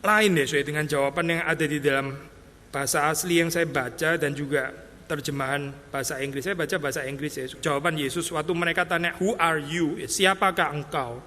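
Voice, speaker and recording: A man preaching a sermon as pastor, talking casually and acting out quotes with lively bursts. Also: fairly high pitch, fairly quick. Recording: long hall reverb.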